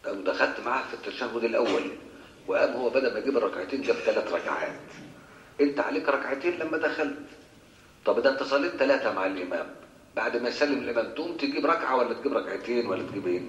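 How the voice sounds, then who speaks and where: Fast-talking Egyptian sheikh in an echoey mosque. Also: male voice, medium pitch, animated, a bit bright, muffled recording, a little hiss or hum. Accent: Egyptian Arabic. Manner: colloquial, explaining with rhetorical questions. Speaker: sheikh answering questions. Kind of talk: religious Q&A lecture.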